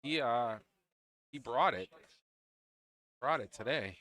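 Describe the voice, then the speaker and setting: A man's voice: medium pitch, lively intonation, slow pace, sharp tone. A man calling a pool league match live, chatting with his co-commentator between shots. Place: indoors at a pool league venue.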